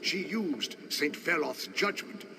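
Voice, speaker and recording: A man's voice: on the high side, sing-song, slow, gravelly, very noisy, heavily acted. An actor playing a solemn, defiant townsman spirit in a fantasy game, with a grave theatrical delivery. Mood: grave, bitter. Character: solemn, defiant townsman spirit telling his town's ruin. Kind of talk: dramatic fantasy game voice acting.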